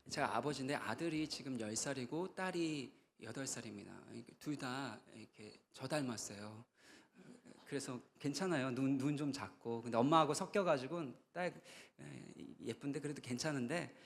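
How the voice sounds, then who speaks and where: A man's voice: medium pitch, slight background noise. A man in his thirties, a pastor, giving a conversational sermon at a church retreat, rising into emphatic bursts.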